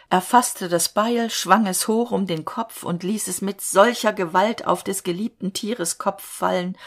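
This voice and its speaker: A woman narrating a fairy tale in a measured, solemn storytelling manner. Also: lowish voice.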